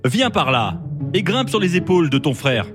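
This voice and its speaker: Male actor: storybook creator spirit, booming and commanding, with music under it. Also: sing-song, moderate pace. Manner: commanding deep "big voice". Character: great male creator spirit, patient but stern. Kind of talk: storybook reading.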